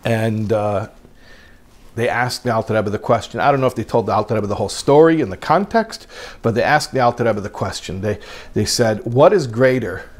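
A man teaching a religious class, telling a story in a lively way and breaking into quoted lines, with frequent repeated words. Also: lowish voice, brisk.

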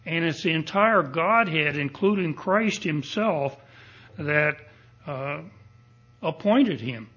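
Slow husky-voiced preacher guy at a pulpit mic, fairly high voice, muffled dull church recording. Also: lively intonation, sharp tone. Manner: deliberate, emphatic preaching with rising declarations. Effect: preaching at a pulpit microphone. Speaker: pastor. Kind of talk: expository sermon. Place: church sanctuary. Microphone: pulpit microphone.

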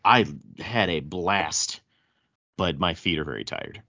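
A man's voice: low-pitched, lively intonation, slow pace, bright, forceful tone. A man with a thick Southern US accent hosting a casual podcast chat, often stammering and repeating words as he goes. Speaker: podcast host. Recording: dull, roomy echo.

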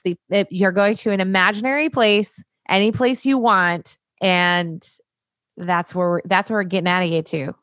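A woman's voice: mid-range voice, fairly bright tone, no echo. A woman hosting a podcast, chatting playfully and laughing easily. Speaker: podcast host. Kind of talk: casual podcast chat.

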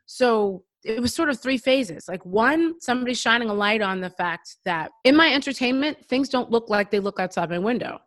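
A woman chatting about comics and fandom in a casual exchange. Her voice is fairly high and she acts out quoted reactions in a quick, chatty way. The recording is close and dry. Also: animated, a bit bright, dry recording. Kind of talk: casual conversation.

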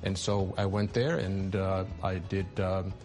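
A man from Ethiopia, a scientist, telling his story in a relaxed, conversational interview. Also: sits low, measured pace, soft background music. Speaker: scientist guest. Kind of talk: interview answer.

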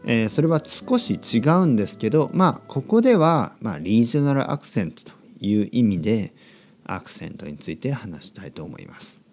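A man hosting a podcast and explaining things slowly and clearly for learners, in simple phrasing with frequent tag questions. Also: on the low side, big pitch swings, darkish tone. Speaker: podcast host teaching Japanese.

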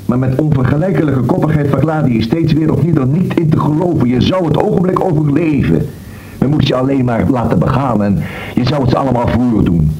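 A man playing a mellow, earnest friend. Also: medium pitch, brisk, lightly acted, poor audio. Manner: earnest, reasoning, pleading. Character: earnest man warning his doubting friend. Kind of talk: radio drama acting.

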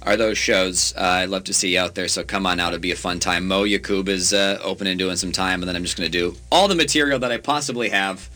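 Male radio host, casual, bright forward voice. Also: low-pitched, fast talker, few pauses. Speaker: radio show host and stand-up comedian.

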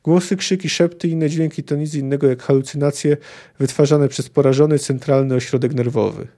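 A man reading aloud as a learned male alchemist who explains things calmly and with refined wording. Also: on the high side, fairly quick, close to an everyday voice. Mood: calm, lecturing. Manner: calm, precise, refined wording.

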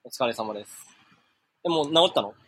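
A man with a husky voice, chatting casually as a podcast co-host. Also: mid-range voice, animated, a little fast, fairly bright tone. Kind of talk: casual chat. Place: Thai restaurant or cafe, calling in.

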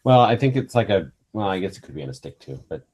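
A man's voice: low voice, sing-song, fast, a little mellow, breathy edge. A man in his early forties chatting casually. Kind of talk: casual chat.

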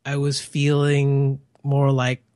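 A man's voice: medium pitch, completely flat delivery, takes it slowly, darkish tone, no room sound, studio quality. A man reviewing a film in casual chat, rambling and peppering his talk with "you know".

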